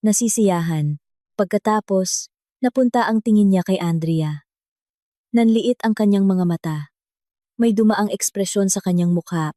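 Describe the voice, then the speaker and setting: A woman narrating a drama story in a slow, even storytelling manner. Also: medium pitch, no room sound, clean studio sound. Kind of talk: scripted narration.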